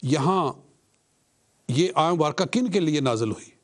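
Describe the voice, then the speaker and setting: A man in a religious debate, chanting scripture and then explaining it in earnest, measured speech while addressing an opponent. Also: a little high, animated. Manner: addresses an opponent directly, argumentative.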